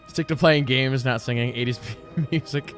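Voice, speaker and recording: A man's voice: mid-range voice, fairly even intonation, normal speed. A man in his thirties streaming a game, chatting casually in a joking, self-mocking, rambling way. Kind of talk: casual chat. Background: game music.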